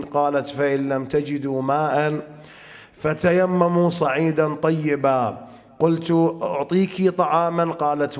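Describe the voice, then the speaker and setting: Measured preacher, man with a slightly high voice. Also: long reverb tail. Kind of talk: religious lecture with storytelling and recited verse.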